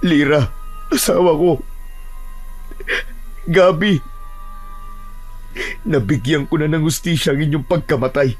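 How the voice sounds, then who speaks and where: Raging vengeful husband in a horror tale, voiced by a man, high, strained, husky. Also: measured pace, long pauses, faint music behind. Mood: grieving. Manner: shouting, raised voice. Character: grieving vengeful young husband, furious and fierce.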